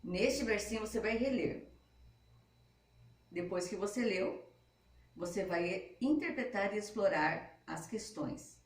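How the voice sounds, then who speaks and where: A woman's voice: mid-range voice, slow, pauses often. A woman teacher giving a patient, step-by-step lesson to schoolchildren. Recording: echoey room, mic at a distance.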